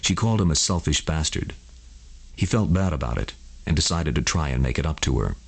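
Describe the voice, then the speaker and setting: Reading a scripted adult bedtime story as narrator, a man speaks in an extremely deep, husky voice with a rough texture. His delivery is animated and fairly quick.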